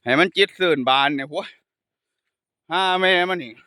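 Strolling up a hill path outside, a Buddhist monk speaking with a Northeastern Thai Isan accent keeps up a casual, joking chat full of laughter and teasing storytelling. His fairly high voice is bright and forceful at a moderate pace, recorded with studio quality and no echo.

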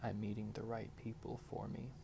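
A man in his twenties gives a soft, whispered ASMR pep talk in a hushed, deliberate manner with long pauses. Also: on the low side, little pitch movement, vocal fry, noisy background. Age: 20s. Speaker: ASMR creator reading positive affirmations. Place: small bedroom at home, indoors.

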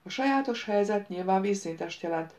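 A woman's voice: mid-range voice, animated, a little mellow, close to an everyday voice. Woman reading Ron, a sarcastic mercenary captain. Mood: sardonic. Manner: sarcastic, impatient.

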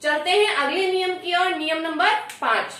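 Woman, grammar teacher, high voice, very echoey room, far from the mic, asks and answers her own questions. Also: normal speed, pushed and bright. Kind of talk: exam-prep grammar lesson.

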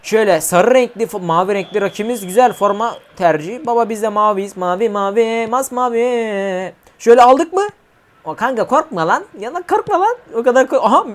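Excitable young man yelling at a game. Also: high voice, brisk. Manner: excitable, swears and shouts at the game; slangy, chatty with viewers. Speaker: gaming YouTuber. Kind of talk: live mobile football game commentary.

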